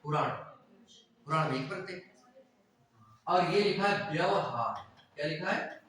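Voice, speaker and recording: A man's voice: a little high, animated, a little slow, a bit bright. A man teaching a grammar class who repeats words and quizzes his students, recorded in a classroom. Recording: echoey classroom, mic far off.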